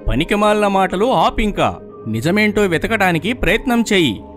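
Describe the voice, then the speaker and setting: A woman voicing a skeptical male police officer who speaks loudly, curtly and demandingly in a storybook tale. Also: mid-range voice, lively intonation, normal speed, soft background music, voice pushed down, close to an everyday voice. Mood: stern. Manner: loud, curt and demanding.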